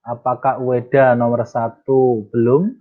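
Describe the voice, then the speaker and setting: A man teaches in a relaxed, unhurried way. He reads each Japanese example slowly before translating and explaining it. The sound is thin and tinny, like a phone line. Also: mid-range voice. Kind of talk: casual explanatory lesson.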